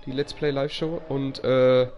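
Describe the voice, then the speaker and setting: A man doing live commentary on a horror game, excitable and jumpy, talking to his chat. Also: mid-range voice, a little slow, highs cut off, soft background music. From Germany. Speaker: live streamer.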